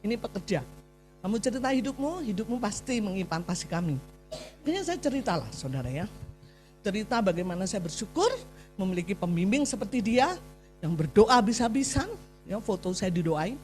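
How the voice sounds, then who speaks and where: A preacher giving a sermon, swinging from loud exhortation to soft storytelling and often turning to the congregation. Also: medium pitch. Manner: keeps addressing listeners as brothers and sisters. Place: church service streamed live online.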